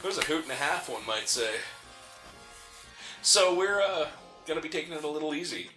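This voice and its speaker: Co-hosting a let's play, this man talks a little fast in a slightly high, sharp-toned voice, trading jokes and teasing banter while commenting on the game. He's from a city, though his family comes from the mountains. Faint game music sits under a roomy echo.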